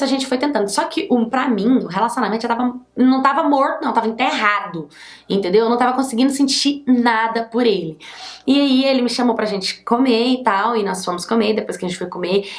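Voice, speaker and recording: A young woman with a Brazilian accent telling a personal story in a chatty, emphatic way. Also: on the high side. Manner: chatty, emphatic, many fillers. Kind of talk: casual storytime. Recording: echoey room.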